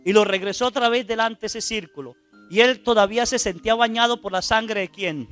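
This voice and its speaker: A priest preaching a sermon, retelling a testimony with dramatic, loud quoted lines and rhetorical questions to his listeners. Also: high voice, a little fast, faint music behind. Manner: dramatic, acts out quoted speech loudly, asks the congregation rhetorical questions.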